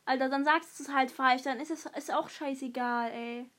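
A woman's voice: high-pitched, fairly even intonation, normal speed, fairly bright tone. A young woman co-hosting a casual chat with a friend, teasing and bossy, often laughing. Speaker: podcast co-host. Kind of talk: casual chat about a fantasy film series.

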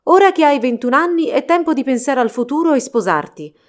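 A woman's voice: mid-range voice, big pitch swings, moderate pace, lightly acted. A woman voicing a cold, stern middle-aged queen in a storybook reading, speaking in commanding, clipped lines.

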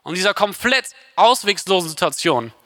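A young man preaching a casual, conversational sermon, lively and often checking in with his listeners. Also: high voice, normal speed, no echo. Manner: lively, conversational, keeps asking "ja?".

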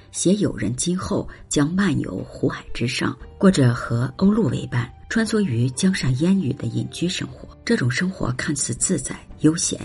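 A reader slowly reciting a classical poem with expressive, drawn-out phrasing, then explaining its lines and meaning. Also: gravelly, slightly rough. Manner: drawn-out, expressive delivery with wide swings in pitch. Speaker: poetry reciter and commentator. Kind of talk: slow poetry recitation then explanatory commentary.

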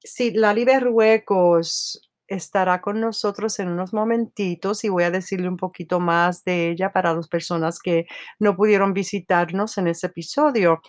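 A woman's voice: fairly low pitch, fairly even intonation, moderate pace. A woman hosting a podcast with a New York Spanglish accent, chatting casually, laughing often and slipping into English. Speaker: podcast host.

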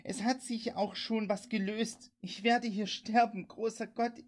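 A woman's voice: a little high, fairly even intonation, unhurried, pitched above the performer's own voice, natural voice. A panicked woman pleading over the radio, as a woman reader puts her on. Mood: desperate. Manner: frantic, pleading, sobbing. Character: terrified woman calling for help over CB radio.

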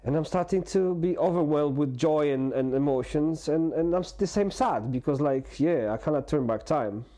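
A man in his forties talking candidly in a conversation, halting and earnest, with many restarts and fillers. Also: a little high, mellow. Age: 40s. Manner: earnest and open. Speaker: guest.

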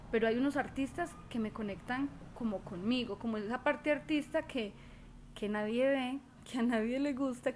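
A woman chatting casually, expressive and animated as she tells stories, softer and musing when she reflects. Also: a little high, a little hiss or hum. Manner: expressive, animated storytelling with put-on quoted voices. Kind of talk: casual chat.

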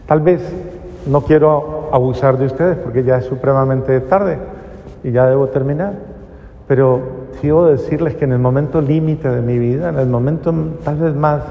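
A middle-aged man, a priest, giving an emotional testimony sermon that swings between pleading cries and hushed near-whispers. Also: mid-range voice, moderate pace, dull audio. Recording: reverberant hall with faint ambience.

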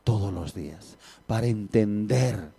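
A male pastor preaching a sermon, repeating words and swinging between raised emphatic lines and low quiet ones. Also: expressive, a little slow, gravelly, slightly rough, faint music behind.

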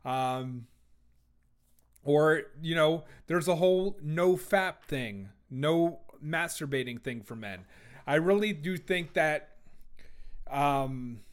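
A man's voice: medium pitch, fairly bright tone. A young adult man hosting a casual solo podcast, talking in a rambling, jokey way with lots of swearing, fillers and restarts. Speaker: podcast host.

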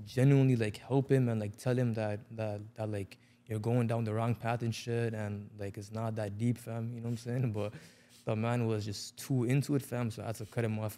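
A man's voice: on the low side, flat delivery, fairly quick, mellow. A young man with an urban Toronto accent chatting casually in heavy slang, repeating himself for emphasis. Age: young adult. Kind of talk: casual chat.

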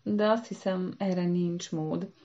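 A woman's voice: lowish voice, steady tone, mellow, highs cut off, close to an everyday voice. A woman voicing a humble, naive hooved creature in a storybook reading, speaking in an eager, earnest and polite way.

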